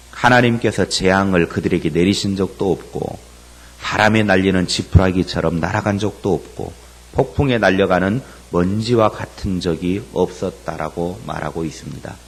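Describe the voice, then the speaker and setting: Husky, slow-preaching Korean pastor. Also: male voice, low voice. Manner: slow, deliberate preaching with frequent hesitation fillers. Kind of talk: sermon on scripture.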